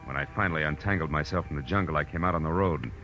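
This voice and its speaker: Here a male actor voices a hard-boiled private detective, tough and wry, telling his own case in the clipped, dramatic manner of 1940s radio. He has a very deep, sharp voice and delivers tense narration in rapid-fire bursts. Music plays under a muffled, old-time radio sound.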